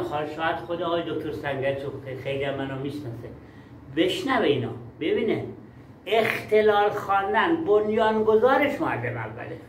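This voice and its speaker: A man's voice: on the high side, slight background noise. Emphatic male teacher trainer in echoey room. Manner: emphatic, repeats key words. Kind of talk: workshop lecture to teachers. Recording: echoey room, far from mic.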